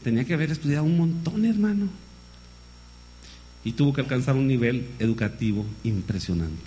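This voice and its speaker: A man's voice: mid-range voice, fairly quick, a little hiss or hum. A man preaching a sermon, calling his listeners brother and asking them rhetorical questions. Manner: lively, calls listeners "hermano", many rhetorical questions.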